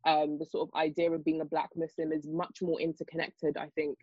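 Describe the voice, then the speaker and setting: A young woman on a discussion panel talks fast in long runs full of ums and sort-ofs. Her pitch barely moves. The sound is dry and slightly muffled, with no room around it. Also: completely flat delivery, warm tone, breathy edge, no echo. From Nigerian heritage, raised in the UK. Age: young adult. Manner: fast, hesitant, lots of fillers and restarts. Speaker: panel guest, children's author.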